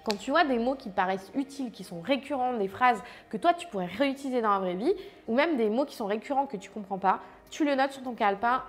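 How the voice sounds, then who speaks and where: A woman gives a relaxed language lesson, talking straight to her viewer as if to a friend. Her pitch sits in an ordinary middle range, and she often stops on little fillers before going on. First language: French. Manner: chatty, many fillers, addresses viewer directly. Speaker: language teacher. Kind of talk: casual explanatory lesson.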